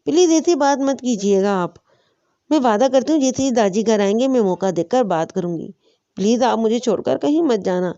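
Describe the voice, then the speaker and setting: Brief: woman as a devoted young wife, gentle and deferential, high voice. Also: lively intonation, muffled recording.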